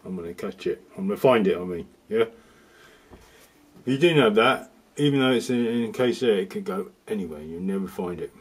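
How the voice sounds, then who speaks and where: A man's voice: fairly low pitch, expressive, fairly quick, slightly rough. A man giving a rambling, casual walkthrough of a boiler repair, often restarting his sentences and adding jokey asides. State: cold. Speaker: DIY video host.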